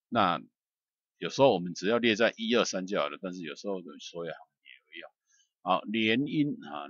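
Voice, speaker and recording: A man giving a loose, chatty software tutorial, filled with "ah" and "hao" fillers. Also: sits low, husky, dry recording, dull audio. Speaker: music software instructor. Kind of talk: screen-recorded software tutorial.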